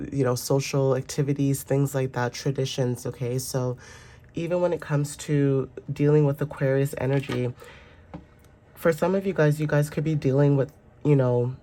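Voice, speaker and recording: This warm, medium-pitched voice belongs to a congested tarot reader fighting a sinus infection. The reading wanders casually and reassuringly, full of fillers, and everything comes out stuffy and nasal.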